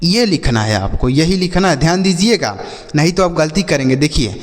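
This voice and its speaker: A man's voice: on the high side, animated, moderate pace, long reverb tail. A man teaching a phonics lesson, spelling words letter by letter and asking questions that he answers himself. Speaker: English teacher.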